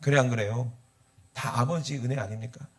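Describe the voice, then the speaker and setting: A man's voice: mid-range voice, brisk. A male pastor, preaching a sermon and calling for responses from the congregation. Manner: animated, asks the congregation for responses.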